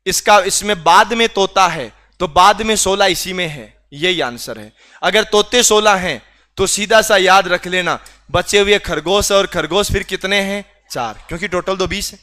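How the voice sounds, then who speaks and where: A man teaches a reasoning class in a classroom. His voice sits high and bright, and he teases the students and pushes them to answer out loud. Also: a little slow. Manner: teasing, scolds students for not answering. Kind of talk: classroom lecture.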